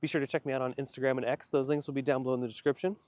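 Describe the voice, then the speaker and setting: A man's voice: medium pitch, little pitch movement, rapid-fire, darkish tone, no room sound. A man hosting a casual theme park vlog outdoors at night, goofy and rambling. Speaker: vlog host.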